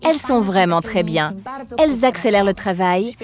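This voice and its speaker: A woman's voice: medium pitch, lively intonation, moderate pace. A woman nail instructor explaining a technique step by step in a chatty, instructional way. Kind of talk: instructional demo chat. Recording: music playing behind.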